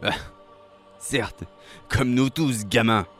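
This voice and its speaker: A man voicing a giant old sailor with a gravelly, rum-soaked voice, in a storybook reading. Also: mid-range voice, slow, fairly bright tone. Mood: booming. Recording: faint music behind.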